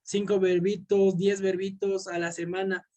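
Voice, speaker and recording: A male English teacher giving a recorded classroom lesson, who checks in constantly with "ok?" and slows down on each English example word. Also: sits high, flat delivery, dark tone.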